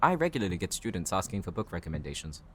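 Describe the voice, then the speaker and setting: A man playing a calm, bookish professor in an audio roleplay, speaking politely and formally. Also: low voice, rapid-fire, a little hiss or hum. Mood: courteous, helpful. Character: courteous, bookish male professor, calm and considerate. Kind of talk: scripted audio roleplay addressed to the listener.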